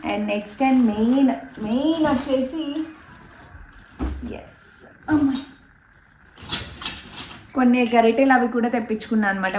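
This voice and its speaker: Woman vlogger chatting away at home, drops in english "so" and "and" a lot, roomy sound. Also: medium pitch. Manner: chatty, mixes English fillers like "so" and "and" into her talk. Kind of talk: casual show-and-tell vlog. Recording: roomy home room with faint background noise.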